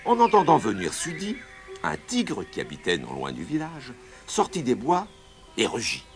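A man narrating a children's tale in an expressive, animated storybook manner. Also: medium pitch. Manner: very lively, slow, animated reading. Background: soft music.

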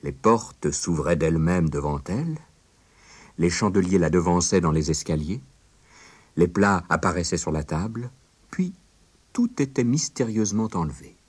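A male storyteller reads a fairy tale aloud in a low, husky voice. He rises and falls through a lively pitch range, with soft music beneath. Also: moderate pace. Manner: expressive, dramatic reading. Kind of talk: scripted fairy-tale narration.

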